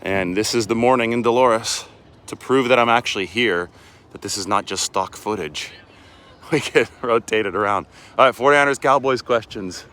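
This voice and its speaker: This sports reporter's voice sits at a medium pitch, a bit bright, at a moderate pace. Strolling outdoors through city streets and a park with a handheld phone camera, he chats casually for a live walking vlog, wandering off topic and frequently starting sentences over.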